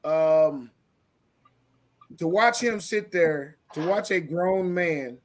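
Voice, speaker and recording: A male podcast co-host with a fairly high voice speaks very slowly during heated sports talk. He rants with profanity and keeps stammering and restarting.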